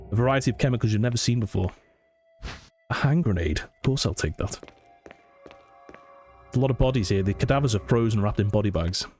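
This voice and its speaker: Faint game music accompanies a let's play of a horror game by a man who has a cold. His voice is fairly low, a little mellow, and sniffly as he chats casually, thinks aloud, and slowly reads the notes he finds.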